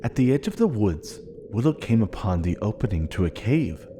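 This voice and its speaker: A man gently reading a children's storybook aloud in an expressive way. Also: on the low side, moderate pace, background noise. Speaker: narrator.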